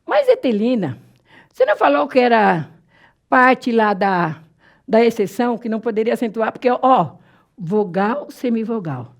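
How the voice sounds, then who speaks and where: Lively Brazilian woman teaching grammar. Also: fairly high pitch. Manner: lively, repeats and spells out words slowly, asks rhetorical questions. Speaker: Portuguese teacher. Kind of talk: exam-prep grammar lesson.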